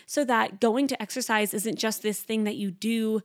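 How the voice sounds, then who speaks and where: A young woman in her twenties hosting a casual solo podcast, talking fast and chatty with lots of "like" fillers. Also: a little high, fairly even intonation, dry recording, clean studio sound. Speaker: podcast host.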